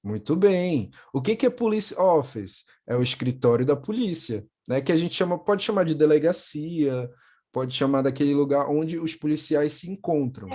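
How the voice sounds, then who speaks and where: Young Brazilian man, patient English teacher on a video call, mellow and unhurried. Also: on the high side, lively intonation. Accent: Brazilian Portuguese. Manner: patient, repeats words slowly for pronunciation. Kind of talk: online class for children.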